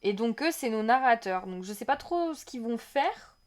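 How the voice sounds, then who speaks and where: Speaking at a normal speed, a fairly high-voiced woman reacts casually to a game trailer on a live stream, talking directly to her viewers. She rambles, restarts and reads chat aloud, bursting with excitement every time something new appears on screen.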